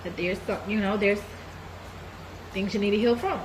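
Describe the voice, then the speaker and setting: A woman vlogger with a stuffy, cold-sounding voice chats to camera in a casual life update, relaxed and candid, calling her viewers "y'all." Her voice is medium-pitched at a normal speed, with background noise present.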